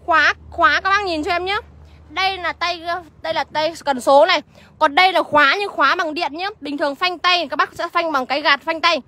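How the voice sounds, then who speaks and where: A woman's voice: very high-pitched, steady tone, a little fast, pushed and bright. A woman with a Northern Vietnamese accent livestreaming from a used car lot, chattily rattling off car features and prices. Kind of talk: livestream sales pitch.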